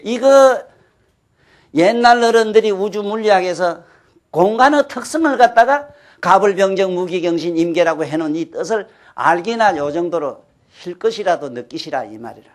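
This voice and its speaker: An older man with a Gyeongsang Korean accent lectures an audience in a folksy way. His voice sits high for a man. He keeps turning to his listeners with quick checks and rhetorical questions. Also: expressive. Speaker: folk-culture lecturer.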